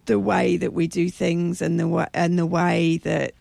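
A woman with a croaky, hoarse frog voice, speaking haltingly as she searches for words in a radio interview. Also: fairly low pitch, flat delivery, darkish tone, no echo. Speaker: radio show guest. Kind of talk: personal interview conversation.

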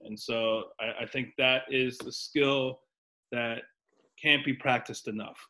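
An American man, a coach, chatting casually and haltingly, often repeating words. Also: medium pitch, fairly even intonation, pushed and bright. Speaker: basketball coach. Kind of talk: casual podcast chat.

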